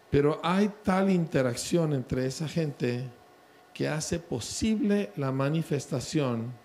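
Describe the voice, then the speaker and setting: On a church conference stage, a Mexican preacher in his sixties addresses a pastors' conference in a mellow, mid-range voice accented by Mexican Spanish. His sermon is conversational, and he keeps asking the crowd whether they're following and agree. There's slight hiss or hum.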